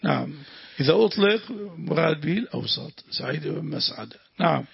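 A sheikh with a Damascene accent teaches a lesson, telling stories and breaking into pious phrases. His voice is gravelly and raspy, a bit high for a man. The recording is dull, lo-fi and dry. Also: lively intonation, brisk, no echo. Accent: Damascene Arabic. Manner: storytelling, exclaiming pious phrases. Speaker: sheikh teaching Quran commentary. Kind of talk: lesson with anecdotes.

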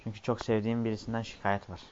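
A man's voice: on the low side, little pitch movement, racing, a little mellow. Guy teaching arabic, explaining stuff, sounds like an old worn tape, muffled w a bit of hiss. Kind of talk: interactive language lesson, explaining and correcting. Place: recorded class session with a board.

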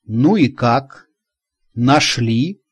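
A man voicing a loud bossy middle-aged woman. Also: mid-range voice, lively intonation, extremely slow, breathy edge, full character voice. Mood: brusque. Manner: commanding, blunt.

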